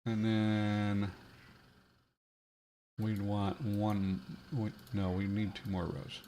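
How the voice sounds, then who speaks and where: Slow, hesitant man thinking aloud. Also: fairly low pitch, monotone, warm tone. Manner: slow, hesitant, many fillers and restarts. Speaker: podcast host. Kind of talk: thinking aloud while building a language.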